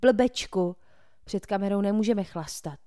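A woman's voice: fairly low pitch, vocal fry, warm tone, husky. A woman voicing a brash, tough teenage girl who snaps curt, swearing orders in an audiobook. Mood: bossy.

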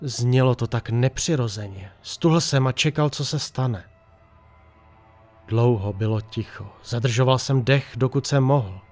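A man narrating a horror story in a tense, hushed storytelling manner. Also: mid-range voice, soft background music.

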